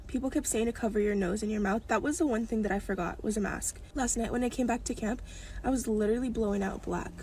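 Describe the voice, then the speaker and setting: A woman talks quickly and chattily to her camera, vlogging from an outdoor festival campsite. Her pitch is a touch high. Faint outdoor noise hangs behind her. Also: dark tone. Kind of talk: casual vlog.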